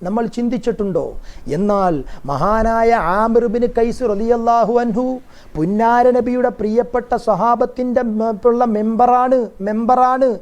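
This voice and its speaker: High-voiced earnest preacher man. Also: fairly even intonation, unhurried, darkish tone. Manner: earnest, rhetorical storytelling with quoted dialogue. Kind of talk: Ramadan sermon.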